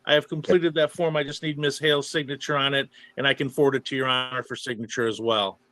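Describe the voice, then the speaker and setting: A man speaking as a public defender in court, addressing the judge in a halting, deferential way. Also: medium pitch, fairly even intonation, pushed and bright, no echo.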